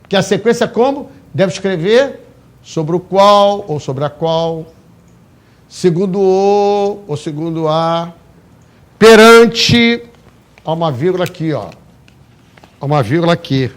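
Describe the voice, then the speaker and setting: A man's voice: high voice, lively intonation, a little slow, long pauses. A man teaching a live grammar class to a room and an online audience. He is emphatic and works through the rules step by step, often checking that everyone follows. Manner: emphatic, explains step by step with frequent check-in questions. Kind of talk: live exam-prep class lecture. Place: classroom, also streamed online.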